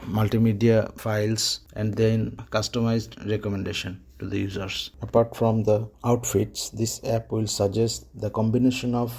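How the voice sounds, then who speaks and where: A man's voice: lowish voice, flat delivery, moderate pace, vocal fry, few pauses, a little mellow. A man in his thirties from Bangladesh, presenting a market research report as a plain list-like walkthrough, often correcting himself as he goes. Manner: plain, list-like delivery with frequent self-corrections.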